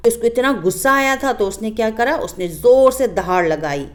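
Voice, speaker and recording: A woman teacher walks young pupils through a storybook chapter. Her voice sits a little high, and her storytelling is animated. She keeps turning to the class with questions. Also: moderate pace. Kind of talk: explaining a children's story lesson.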